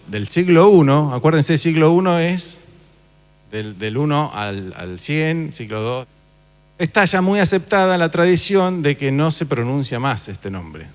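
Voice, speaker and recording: A man giving an informal Bible class, talking casually and quizzing his listeners. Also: fairly high pitch. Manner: conversational, asks the audience questions. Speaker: church teacher. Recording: reverberant hall.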